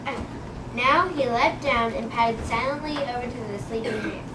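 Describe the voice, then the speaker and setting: Female storybook reader, high pitch, echoey and noisy room. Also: moderate pace, distant mic. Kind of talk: storybook narration in a performance.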